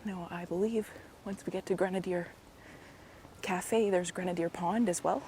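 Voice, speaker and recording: Filming on a handheld gimbal camera as she walks in a park, a woman chats casually and often drops into soft asides. A cold leaves her slightly deep voice hoarse and raspy; her intonation is fairly even at normal speed, with faint outdoor ambience and a little hiss or hum.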